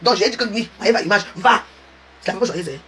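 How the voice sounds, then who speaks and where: Fast-talking woman ranting live. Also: medium pitch, expressive, pushed and bright. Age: 50s. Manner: chatty, rambling, teasing, addresses viewers directly. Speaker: social media live streamer. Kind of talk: casual live-stream rant. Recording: noisy live-stream audio.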